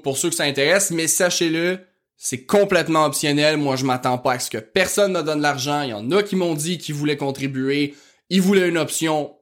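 A man with a rural Quebec French accent hosting his own podcast, talking fast and excitedly and piling on information. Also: a little high. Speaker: podcast host. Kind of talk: casual solo podcast talk.

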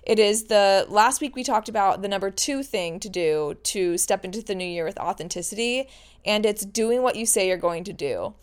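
Female podcast host, smooth clear voice, frank and chatty, recording lying in bed while getting over a stomach flu. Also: mid-range voice, lively intonation, normal speed. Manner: chatty, frank, uses mild swearing. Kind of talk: casual solo podcast talk.

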